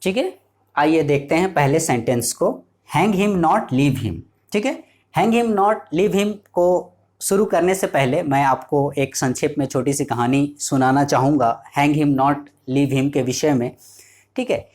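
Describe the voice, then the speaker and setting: This is a male teacher lecturing in a room with a board. He moves at an unhurried, measured pace. He breaks each idea into small steps and pauses often to ask his learners if they understand. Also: a little high, darkish tone. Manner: keeps checking in with students, explains step by step. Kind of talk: classroom lecture.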